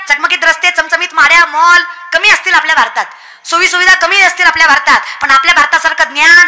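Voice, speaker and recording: High, piercing woman preacher. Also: pushed and bright. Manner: rousing, scolding, jokes and acted voices. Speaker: kirtan preacher. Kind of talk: comic devotional sermon.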